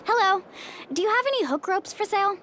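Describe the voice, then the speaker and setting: A woman's voice: very high voice, animated, normal speed, fairly bright tone, slight background noise. A woman voicing a curt, businesslike young buyer in a video game. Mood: brisk.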